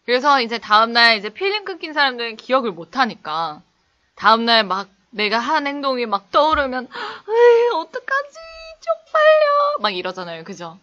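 A woman's voice: sing-song, a little fast, bright, forceful tone. A young woman teaching English on a casual live stream, reading viewer chat and playfully acting out skits with laughter. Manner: playful, laughing, acts out little skits in exaggerated high voices.

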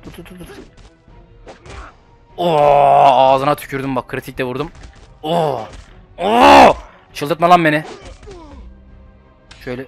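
A young man giving casual gameplay commentary as a channel host, excitable and swearing, swinging from low muttering to shouts. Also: a little slow, long pauses, soft background music.

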